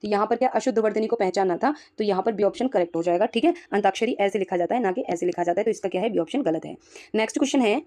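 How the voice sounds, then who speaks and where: Fast-talking, mellow-voiced woman teacher. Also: mid-range voice. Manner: repeats "ठीक है" and asks herself rhetorical questions. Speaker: exam prep teacher. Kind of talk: solving exam questions, explaining answers.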